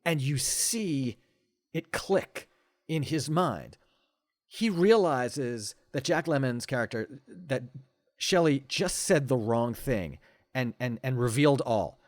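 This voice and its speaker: A man's voice: medium pitch, lively intonation, slow pace, dry recording, studio quality. A man in his forties, a podcast guest, talking with enthusiasm and many stammering restarts in casual conversation.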